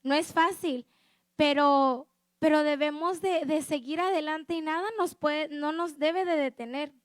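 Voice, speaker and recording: A woman's voice: high-pitched, fairly even intonation, unhurried, dry recording. A woman preaching a sermon with a personal testimony, earnest and conversational, often checking that her listeners agree. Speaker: lay preacher at a church service.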